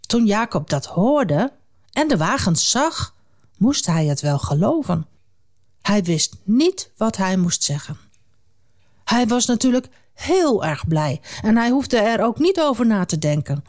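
A woman tells a Bible story for children, slow and deliberate, her pitch rising and falling with lively expression. She speaks directly to her young listeners in a warm storytelling manner. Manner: animated, addresses young listeners.

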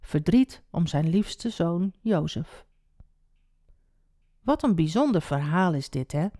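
A woman telling a Bible story to children, expressive and speaking directly to the young listener. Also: lowish voice, slow pace, no room sound, studio quality.

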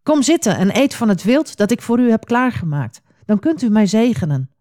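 A woman voicing a hot-tempered young male hunter, pleading and shouting in a storybook reading. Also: on the high side, big pitch swings, moderate pace, dry recording, studio quality, voice pushed up. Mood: eager.

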